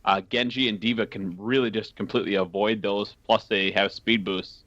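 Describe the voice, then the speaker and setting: A man's voice: fairly low pitch, fairly even intonation, moderate pace, a bit bright, no echo. Guy on a gaming podcast, chill chatty vibe, kinda muffled dry mic. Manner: chatty, laughs often, many fillers. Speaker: podcast co-host. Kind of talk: casual gaming podcast chat.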